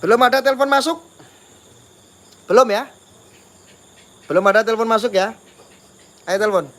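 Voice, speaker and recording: A man's voice: very high-pitched, moderate pace, fairly bright tone. A man with a Javanese accent, ranting on a live stream and repeatedly taunting viewers to phone him.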